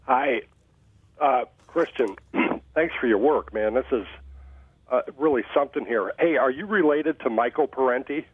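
A man's voice: medium pitch, moderate pace, husky, dry recording. Man calling in on a tinny phone line. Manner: casual, folksy and friendly. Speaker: radio show caller. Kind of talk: call-in question to a guest.

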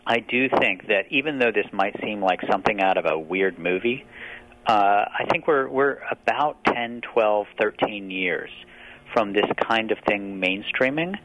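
A man's voice: on the low side, low-quality recording. Man over a landline phone, chatty. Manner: animated, chatty storytelling with folksy exclamations. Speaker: guest author. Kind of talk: casual radio interview.

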